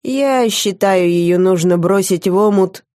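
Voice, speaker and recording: A woman's voice: mid-range voice, mellow, no echo, clean studio sound, lightly acted. A woman playing a smug scheming male director. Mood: commanding. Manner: smug, drawn-out, biting. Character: sly scheming middle-aged male academy director. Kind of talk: audiobook character voice.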